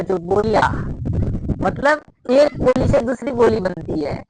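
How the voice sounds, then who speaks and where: A man's voice: sits high, slight background noise, low-quality recording. A man from Rajasthan, teaching a casual classroom lecture at a blackboard and repeating his points with many fillers. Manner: repetitive, explains with many fillers. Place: room with a blackboard.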